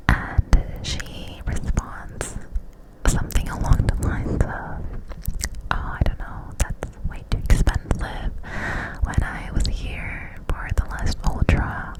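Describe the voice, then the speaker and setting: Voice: slow, poor audio. Close-up cupped-hand whisperer, casual ASMR rambling. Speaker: ASMR creator. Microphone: very close to the mic.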